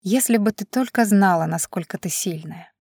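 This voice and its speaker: A woman voicing a gentle, tender mother. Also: medium pitch, normal speed, slightly rough, no echo, studio quality. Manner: soft, tender, half-whispered. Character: gentle loving mother comforting her little daughter.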